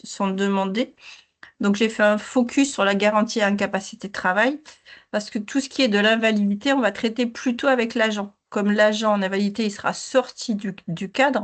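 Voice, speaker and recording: A woman who manages a claims team steadily explains procedures during a training session over a video call. Her voice is hoarse and mid-range.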